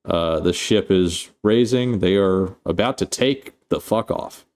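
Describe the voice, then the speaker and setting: A man's voice: low voice, a little slow, a little mellow. A man casually recapping a movie plot, rambling and swearing, full of fillers and restarts. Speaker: movie reviewer.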